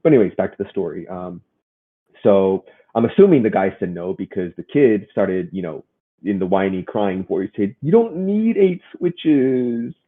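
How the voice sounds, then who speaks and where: A man's voice: deep voice, moderate pace, husky. A man co-hosting a gaming podcast, chatting casually and rambling with many restarts. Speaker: podcast co-host. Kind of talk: casual chat. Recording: phone-like muffled audio.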